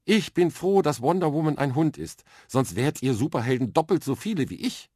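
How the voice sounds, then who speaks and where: A man's voice: fairly high pitch, animated, normal speed, mellow, dry recording, studio quality, voice pushed up. A man voicing a bold, impatient and chatty young girl in a children's radio story, cheeky and self-assured.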